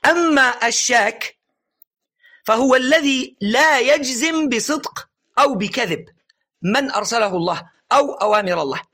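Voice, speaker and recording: A man giving a religious lesson in an earnest lecturing tone, often urging listeners to pay attention, stressing phrases slowly and letting his voice drop at the ends of sentences. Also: very high-pitched, animated, bright, forceful tone. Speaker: religious teacher.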